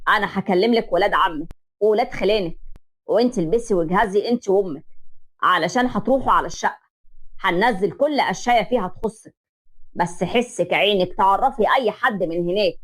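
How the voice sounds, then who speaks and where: A firm, protective middle-aged father with an Egyptian accent, as a woman storyteller puts him on. His voice sits well below a woman's usual pitch and stays grave and measured, like a man laying down the law in a storybook tale. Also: lightly acted. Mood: firm, stern.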